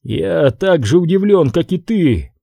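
A man's voice: on the high side, big pitch swings, measured pace, vocal fry, dark tone, no echo, pitched above the performer's own voice, heavily acted. A man reading an audiobook, voicing a badly wounded man who speaks faintly and with effort. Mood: weak. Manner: faint, strained whisper-like.

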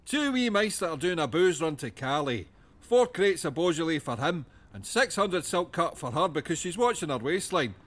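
A man's voice: a little high, sing-song, moderate pace. An actor with a Scottish accent playing a man who rambles off into fanciful tangents. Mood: rambling. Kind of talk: sitcom acting.

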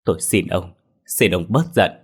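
A man's voice: deep voice, normal speed, slightly rough. A man voicing an anxious older mother who pleads and wails for her daughter. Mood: pleading. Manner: pleading, wailing.

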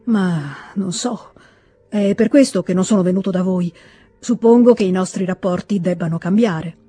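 Stiff cold official, firm and clipped, read by a mellow-voiced woman. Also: on the low side, moderate pace, breathy edge, faint music behind. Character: cold formal middle-aged official husband.

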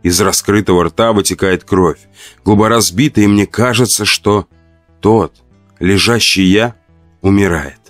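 A man reading a first-person horror story aloud, expressive and dramatic. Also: lowish voice, measured pace, dry recording, soft background music. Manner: expressive, acts out shouts and laments. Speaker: audiobook narrator.

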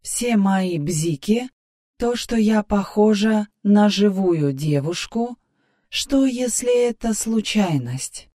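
Woman doing a moody ai girl in the hero's head, slow soft mellow voice, kinda wheedling. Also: medium pitch, expressive. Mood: pensive. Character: capricious female AI partner inside a man's head. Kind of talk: audiobook character voice.

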